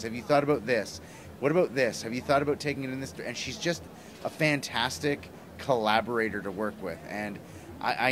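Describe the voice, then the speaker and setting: A middle-aged man, a comic writer and broadcaster, gushes in a casual interview at normal pitch with a slightly bright tone. He's enthusiastic and effusive, talking into a handheld interview mic pointed at him in a small plywood-walled convention booth, with noisy convention ambience clearly audible behind him.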